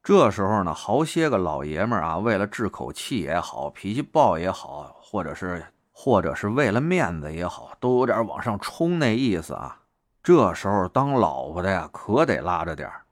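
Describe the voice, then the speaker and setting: Lively storyteller, man. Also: deep voice, moderate pace, no room sound, clean studio sound. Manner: lively, chatty, heavy erhua. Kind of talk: colloquial storytelling monologue.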